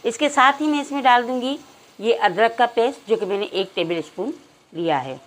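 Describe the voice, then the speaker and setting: Higher-voiced woman narrating a home recipe. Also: normal speed, rough recording. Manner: calm, instructional, addresses viewers directly. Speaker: cooking channel host. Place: home kitchen.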